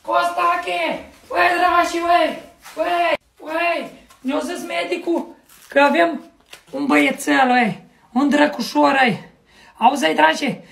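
A man voicing a loud, nagging rural young wife in a comedy sketch, shouting in a shrill voice. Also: steady tone, gravelly, full character voice. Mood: excited.

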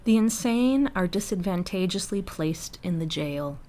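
A woman giving a slow, grave reading of historical quotations. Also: fairly low pitch, lively intonation, mellow. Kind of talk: scripted reading of historical quotes.

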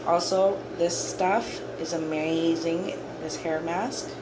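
In a casual show-and-tell vlog, a cleaning vlogger and mother of a son chats upbeatly about her freshly cleaned bathroom, repeating herself often. She speaks slowly in a lowish voice with fairly even intonation, and music plus heavy background noise accompany her.

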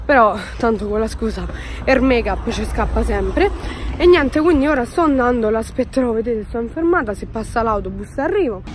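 A woman's voice: fairly high pitch, expressive, normal speed, a little hiss or hum. A young woman vlogger, chatting casually with lots of fillers and jokes into a handheld phone. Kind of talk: casual vlog chat.

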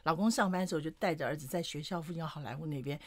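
Low-voiced woman telling a tearful story. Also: racing, no echo. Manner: expressive, tearful retelling with acted-out family quotes. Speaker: guest. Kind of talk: emotional personal storytelling on radio. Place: radio studio.

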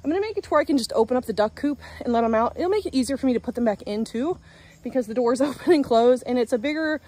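Rapid-fire and expressive, her high, mellow voice carries this young homestead vlogger's cheerful chatter. She talks to a handheld phone at arm's length while working in her backyard garden.

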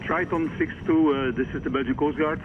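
A man's voice comes through a marine radio link, slightly higher than most men's, as a coast guard operator runs formal call procedure. He reads positions out in a measured, methodical way and closes each message with "over". The sound is muffled and dull, with a clear hiss of static underneath. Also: steady tone. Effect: marine radio transmission.

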